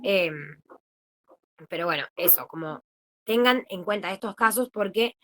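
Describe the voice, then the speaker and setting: A woman's voice: medium pitch, animated, measured pace, fairly bright tone, a little hiss or hum. A young woman with an Argentine accent, a peer tutor explaining things in a chatty, easygoing way over a video call. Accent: Argentine Spanish. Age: young adult. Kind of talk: informal online study session.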